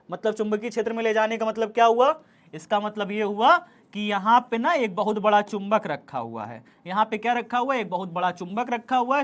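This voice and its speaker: A man teaching a physics class, repeating each point and urging students to keep up. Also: sits high. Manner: repetitive, coaxing, urging students to hurry. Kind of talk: classroom lecture.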